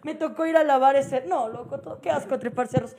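A woman with an Ecuadorian accent, telling a story on a casual podcast, animated, laughing and swearing often. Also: high-pitched, a little fast. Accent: Ecuadorian Spanish. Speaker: podcast co-host.

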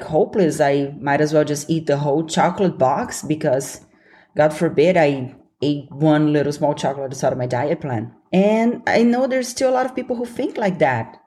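A low, mellow voice carries a Brazilian accent as this young adult woman hosts her own motivational podcast. She encourages listeners earnestly and laughs often.

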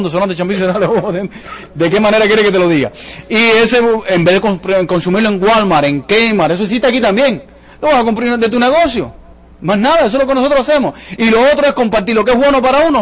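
A man giving a lively motivational sales talk to a live audience, joking and asking the crowd questions. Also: high voice. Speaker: business presenter at a sales seminar.

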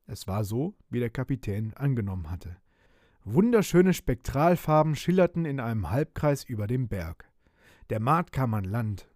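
A man reading a children's story aloud, lively and expressive. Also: medium pitch, no echo, studio quality. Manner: lively, expressive, voices the characters. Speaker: narrator.

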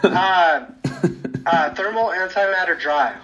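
A man hosting a casual chat over a call, his audio choppy and cutting out as he talks in halting phrases with frequent fillers. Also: sits high, a bit bright, highs cut off. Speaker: host.

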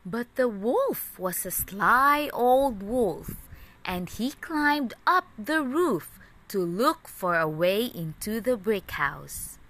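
A woman narrating a children's story in a slow, expressive, sing-song storytelling manner as the host of a story channel. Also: medium pitch.

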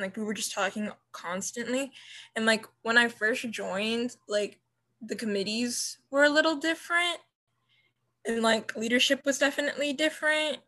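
A woman's voice: fairly high pitch, a bit bright. A young woman chatting casually as a podcast guest, peppering loose sentences with filler words. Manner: says "like" constantly, loose phrasing. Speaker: podcast guest, committee co-lead. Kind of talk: casual chat.

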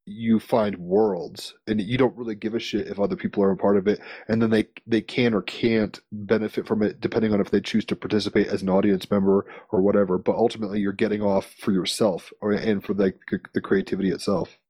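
Casual, lowish-voiced man in dry sound. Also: flat delivery, fairly quick, few pauses, a little mellow, slightly rough, no echo. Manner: informal slangy phrasing, rambling. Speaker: interviewer, conversation host. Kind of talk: casual, musing chat.

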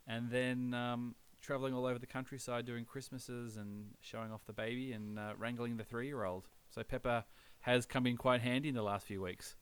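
A man's voice: mid-range voice, flat delivery, moderate pace, few pauses, clear, resonant tone. An Australian man hosting a podcast in casual chat, with a laconic, laid-back drawl. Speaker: podcast host.

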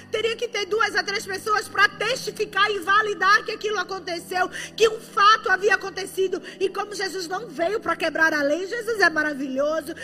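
High, bright-voiced tearful woman preacher. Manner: fervent, voice often breaking with tears. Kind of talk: emotional sermon.

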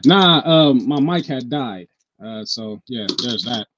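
A man's voice: mid-range voice, animated, slow pace, a bit bright. Man on a muffled headphone headset mic. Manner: joking, teasing. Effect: dull headphone headset mic. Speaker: podcast co-host. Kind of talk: casual chat.

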